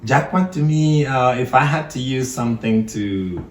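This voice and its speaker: A man's voice: mid-range voice, measured pace. A man from Cameroon, a guest entrepreneur, talking thoughtfully in a casual interview and laughing easily. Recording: roomy, distant mic with faint ambience.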